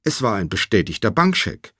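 Ein nervöser, schwitzender Zeuge, von einem Mann gesprochen, der zögernd und ausweichend antwortet, mit lebhaft schwankender Stimmführung. Knappe, gepresste Antworten unter Druck. Trocken und nah aufgenommen. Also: male voice, lowish voice, big pitch swings, moderate pace, a bit bright, dry recording, clean studio sound. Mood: evasive. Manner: hesitant, evasive. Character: nervous male witness, evasive and sweating.

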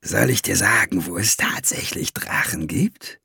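A sly, gruff dwarf, voiced by a man reading an audiobook, full of sarcastic jabs. His gravelly, husky voice turns mocking questions into taunts. The sound is dry and close. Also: mid-range voice, very animated, normal speed, pushed and bright, no echo, exaggerated voice. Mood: hushed. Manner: sarcastic, needling.

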